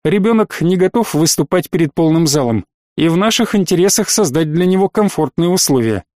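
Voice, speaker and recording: A man reading an audiobook, voicing a calm, kindly child-welfare inspector. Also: a little high, fairly quick, no echo, clean studio sound, close to an everyday voice.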